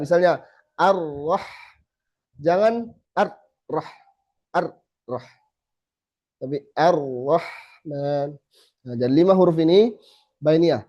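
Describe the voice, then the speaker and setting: A man teaching a small group how to recite, saying letter sounds slowly again and again and then correcting them. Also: on the high side, darkish tone. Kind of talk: tajweed lesson to a small group. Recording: slightly dull lo-fi recording.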